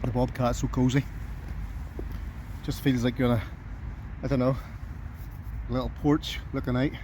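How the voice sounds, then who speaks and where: A man's voice: medium pitch, level tone, normal speed, a little mellow. A man talking casually to camera as a camping vlogger, rambling in an easygoing way and thinking aloud. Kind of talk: casual outdoor vlog talk to camera. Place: outdoors at a tent by a road. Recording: clear outdoor background noise, nearby road.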